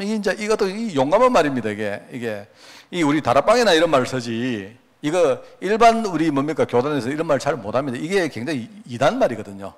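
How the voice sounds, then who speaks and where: A male pastor, preaching a sermon in an animated storytelling manner and acting out quotes. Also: a little high.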